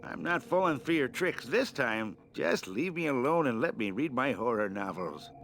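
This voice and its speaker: A man's voice: mid-range voice, big pitch swings, normal speed, a bit bright, a little hiss or hum. A man playing a stubborn, grumpy gravedigger in a comic adventure game, querulous and skeptical as he scolds. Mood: dismissive. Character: jumpy, grumpy, stubborn gravedigger who loves horror novels.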